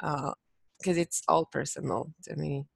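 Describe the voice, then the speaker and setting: A woman's voice: low voice, fairly even intonation, a little slow, creaky, slightly rough, no echo. A woman from Romania, a podcast guest who talks casually and thoughtfully, often restarting her sentences. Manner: thoughtful, many restarts and fillers. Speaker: podcast guest, business owner. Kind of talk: casual interview chat.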